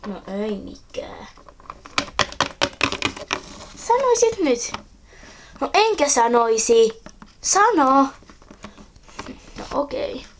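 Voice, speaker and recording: A woman's voice: sits high, sing-song, long pauses, slight background noise. A woman voicing a sulky, snappish teen girl pet toy in a homemade toy video.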